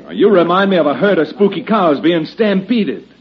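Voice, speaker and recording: An actor playing an earnest cowboy hero who also narrates, in an old radio western. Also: male voice, sits high, lively intonation, moderate pace. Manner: firm and earnest. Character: steady heroic cowboy, male, narrator. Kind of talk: 1940s radio acting. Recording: dull old radio recording.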